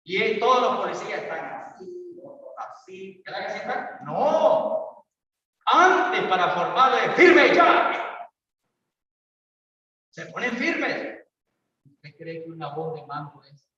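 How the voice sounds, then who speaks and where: A pastor preaching an evangelistic sermon, swinging between loud calls and quiet asides. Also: male voice, high voice. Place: church hall. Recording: echoey church hall, distant mic, dull sound.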